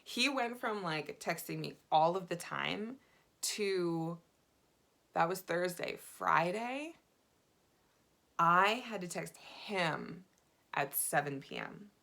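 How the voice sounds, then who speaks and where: A woman vlogger telling a dating story in a chatty, animated way, full of fillers. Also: fairly low pitch, slow, creaky, long pauses. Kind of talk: casual dating storytelling to camera.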